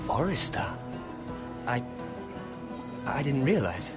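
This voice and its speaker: A man's voice: mid-range voice, big pitch swings, slow. An actor playing a shy, self-effacing nobleman in a video game, hesitant, polite and apologetic. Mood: flustered. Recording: music behind the voice.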